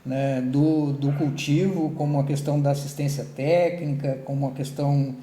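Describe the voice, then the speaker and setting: A man leads an online meeting in a loose, halting way, full of restarts and little tag questions. His voice sits a bit high yet sounds mellow. He is heard through an echoey call line. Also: steady tone. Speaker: meeting coordinator.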